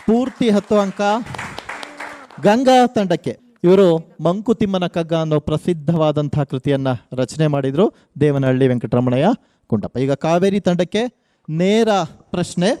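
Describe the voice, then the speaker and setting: A man runs a college quiz show on the radio, his voice a touch high and mellow. He spells out questions slowly and cheers the teams on with energy. The sound is dry and close. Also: no room sound. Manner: energetic, coaxing contestants, slow emphatic questions. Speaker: quizmaster.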